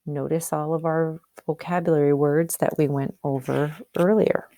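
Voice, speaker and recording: A woman with a low, mellow voice and fairly even intonation speaks at a normal speed in a dry recording. She is a teacher reading a storybook aloud with expression, explaining things and asking questions to check that her young pupils understand.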